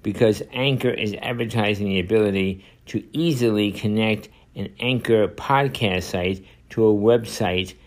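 An older man in his seventies talks alone into his podcast mic. His voice sits a little low, and he rambles through his points with frequent "uh"s and restarts. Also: normal speed, few pauses. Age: 70s. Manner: rambling, many fillers and restarts. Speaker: podcast host. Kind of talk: solo podcast monologue.

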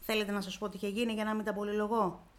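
Her voice sits in the mid range and her delivery is flat. As a guest on a radio interview, this woman vividly recounts her own emotional story, performing the quoted dialogue with a steady stream of "I say, she says."

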